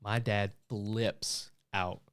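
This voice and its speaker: A man's voice: on the low side, fairly even intonation, very slow. A man co-hosting a casual talk show, telling a family story and laughing often as he acts out the quotes. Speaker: podcast co-host.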